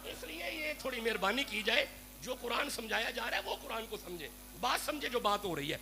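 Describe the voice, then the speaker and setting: A man's voice: very high voice, sing-song, vocal fry, music in the background. A Pakistani man with a Punjabi accent preaching a devotional sermon to a gathering, fervent and pleading as he addresses his listeners directly. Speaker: Sufi preacher. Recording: noisy live recording with hum.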